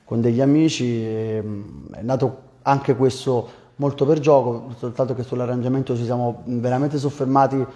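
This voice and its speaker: Mellow Neapolitan man, echoey room. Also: medium pitch, steady tone, normal speed, few pauses. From Campania, southern Italy. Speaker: singer and guest. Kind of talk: conversational interview. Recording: roomy, echoing sound.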